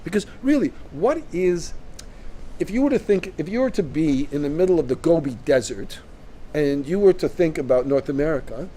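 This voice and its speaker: A man's voice: a little high, animated, moderate pace, mellow, slight background noise. A Canadian man in casual discussion, arguing his point emphatically and often checking in with "right?". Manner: emphatic, interjects with repeated "right?". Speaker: co-host.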